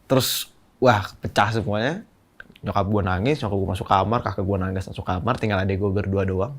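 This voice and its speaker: A young man with a fairly low voice speaks as a podcast guest. He talks candidly and emotionally, in loose, slangy casual speech full of fillers, as he works through a personal story. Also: a little fast.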